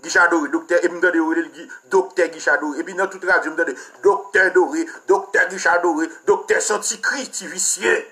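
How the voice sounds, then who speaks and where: A man's voice: on the high side, steady tone, brisk, hardly any pauses, bright, forceful tone. A man with a Haitian accent, a political commentator delivering a heated, mocking and crude rant.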